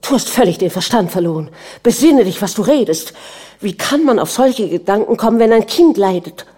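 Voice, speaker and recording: A woman's voice: mid-range voice, animated, normal speed, dark tone, husky. A woman voicing a young princess who protests earnestly and indignantly to her husband. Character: young princess, distressed but defiant.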